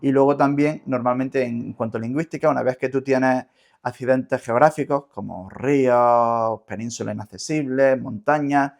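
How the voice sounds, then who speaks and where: This man, a linguist guest with an Andalusian Spanish accent, speaks at a moderate pace in a gravelly, medium-pitched voice. He explains didactically during the interview and tends to repeat words while finding the next one.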